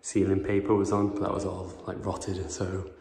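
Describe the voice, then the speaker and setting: Gravelly and darkish, his low voice stays monotone at a moderate pace. The speaker is a property renovation vlogger in his twenties giving a rambling, filler-heavy house tour inside an empty house under renovation. He films on a phone camera, handheld and then propped up, and the bare rooms sound echoey.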